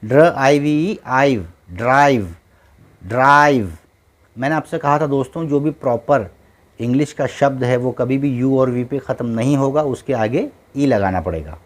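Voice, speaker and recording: A man's voice: mid-range voice, measured pace. A man teaching English phonics, spelling out letters and sounding out each word, then repeating it patiently several times.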